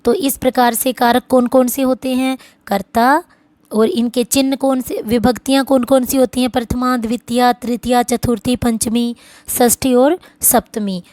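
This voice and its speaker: A woman teaching a Sanskrit grammar lesson, explaining slowly and reciting the word forms. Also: fairly high pitch, darkish tone, no echo.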